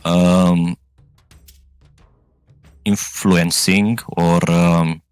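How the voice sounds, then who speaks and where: A man's voice: low voice, level tone, extremely slow, smooth, no room sound, soft background music. A man narrating a tabletop role-playing game as game master, improvising and often searching for his words.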